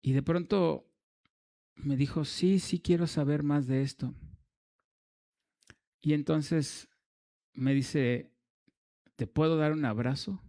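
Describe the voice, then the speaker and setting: A man's voice: a little high, steady tone, slow pace, pauses often, dark tone. A man preaching a sermon in a church, telling a story with humor and asides to the congregation.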